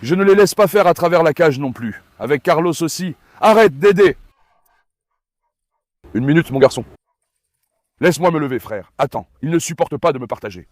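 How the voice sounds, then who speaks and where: A man with a fairly high voice hosts a casual dog vlog, recorded dry and close. He coaxes his dogs with affection and pleads with his viewers. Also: expressive, a little fast, no echo. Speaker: dog breeder and vlog host.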